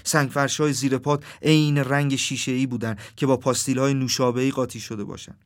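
Man, storyteller, measured, soft, dreamlike literary reading, mid pitch. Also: little pitch movement. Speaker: narrator.

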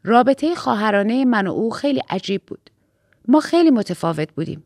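A woman reading a first-person novel aloud as an audiobook narrator, in a measured, steady storytelling manner. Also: a little high, dry recording, studio quality.

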